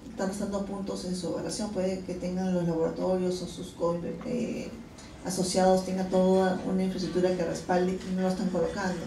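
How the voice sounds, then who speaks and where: A woman's voice: fairly low pitch, mellow, slight background noise. A woman in her forties with a Peruvian accent, giving a conference presentation into a handheld mic with frequent fillers and restarts. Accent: Peruvian Spanish. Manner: explanatory, many fillers and restarts. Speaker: conference speaker from a research funding agency. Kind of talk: presentation talk. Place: conference hall. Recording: echoey hall, from far off.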